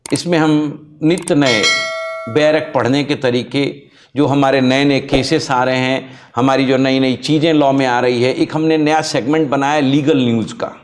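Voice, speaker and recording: A man's voice: medium pitch, steady tone, moderate pace. A male law teacher giving a lecture-style channel introduction, stressing key points emphatically, repeating them, and spelling out words letter by letter.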